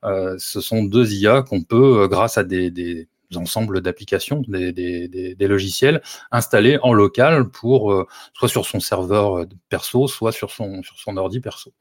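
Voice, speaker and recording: A man's voice: on the low side, unhurried, no room sound, studio quality. A man co-hosting a casual tech podcast, explaining at length with many fillers and restarts and an occasional chuckle. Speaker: co-host presenting the topic.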